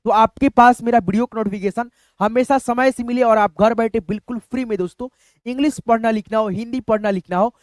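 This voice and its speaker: A man teaches in a relaxed, repetitive way and explains each step slowly. He keeps calling his listeners friends and answers his own questions. The recording is dry and close, with no room echo. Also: high voice. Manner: says "friends" constantly, asks questions and answers them himself. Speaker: online Hindi and English teacher. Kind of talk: casual teaching.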